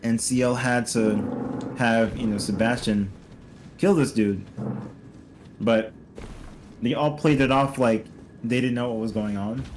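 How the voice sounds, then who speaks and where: A man's voice: mid-range voice, steady tone, a little slow, long pauses, slight background noise, low-quality recording. A man streaming a co-op game, chatting casually and telling a rambling story full of "like" and "um". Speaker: streamer playing co-op. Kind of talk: casual gaming chat.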